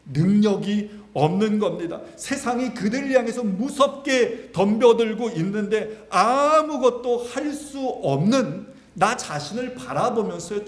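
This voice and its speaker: A male pastor preaching a sermon with dramatic swings of emphasis, speaking directly to his congregation. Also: sits high. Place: church sanctuary. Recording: echoey church sanctuary.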